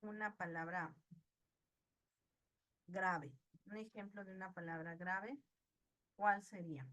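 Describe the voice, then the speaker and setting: A woman leads an online lesson, speaking slowly and patiently. Her voice is bright and clear, and she keeps putting questions to her students. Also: lowish voice, fairly even intonation. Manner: slow, patient, asks the class questions. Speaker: teacher. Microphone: video call.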